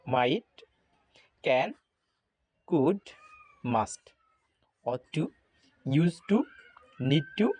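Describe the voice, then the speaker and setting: Deliberate Bangladeshi man teaching grammar. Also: on the high side, a little mellow, dry recording. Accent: Bangladeshi Bengali. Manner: slow, deliberate, spells words out letter by letter. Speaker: English teacher. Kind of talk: grammar lesson.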